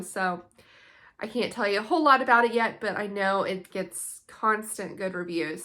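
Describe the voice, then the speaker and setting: A young woman with a bright, clear tone talks through her latest book haul in an easy, chatty way. She sounds eager and upbeat, sprinkling in ums as she goes. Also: mid-range voice. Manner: enthusiastic, chatty, frequent ums. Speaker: homeschool book vlogger. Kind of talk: casual book haul chat.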